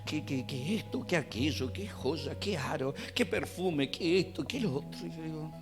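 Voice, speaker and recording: A man with an Argentine Spanish accent, preaching a sermon as pastor and swinging from quiet asides to emphatic bursts. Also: fairly high pitch, animated, moderate pace, over music. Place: church.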